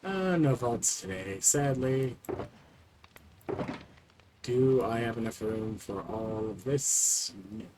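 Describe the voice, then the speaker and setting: A man streaming a video game, talking his way through menus and crafting in an unhurried, rambling way. His pitch sits in an ordinary middle range, and he fills pauses with plenty of ums and uhs. A faint hum of noise sits under the voice. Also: animated, darkish tone, poor audio. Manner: rambling, self-talking with frequent fillers. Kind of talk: casual gameplay commentary.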